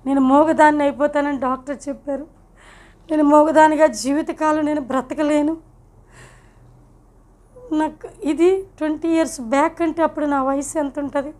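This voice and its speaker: A woman's voice: sits high, a little mellow. A middle-aged woman from India telling her personal testimony in an earnest, emotional way. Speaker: testimony speaker.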